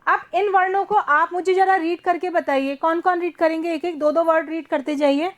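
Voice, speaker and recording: A woman teaching a first-grade class online, patiently repeating words slowly for young children. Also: very high voice, steady tone. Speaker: primary school teacher.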